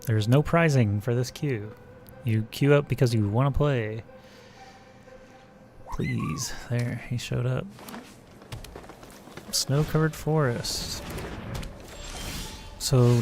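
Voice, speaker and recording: A man with a medium-pitched voice live streams a digital card game, casually thinking aloud and muttering card names and plays. There is noise in the background.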